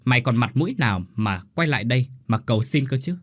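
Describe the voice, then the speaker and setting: A man's voice: mid-range voice, animated, quick pace, no echo, studio quality, close to an everyday voice. Man voicing a scornful old aunt. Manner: contemptuous, stern. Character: stern, scornful elderly aunt.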